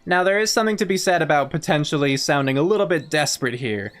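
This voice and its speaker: A woman's voice: low-pitched, animated, quick pace, over music. A woman commenting casually on a game as she plays, thinking aloud in a chatty way. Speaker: game streamer. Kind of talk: casual let's-play commentary.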